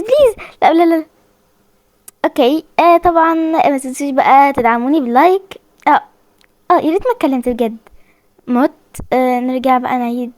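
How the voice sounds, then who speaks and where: A young woman with an Egyptian Arabic accent hosts a gaming channel, commenting on the horror game she's playing in a high, slightly mellow voice with no echo. She is jumpy and frightened, squealing and pleading as she goes.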